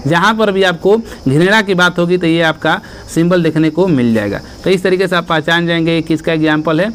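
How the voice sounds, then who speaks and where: A man teaching grammar for exam prep. He explains step by step, reads verse examples slowly and keeps checking in with the students. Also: a little high, a little hiss or hum.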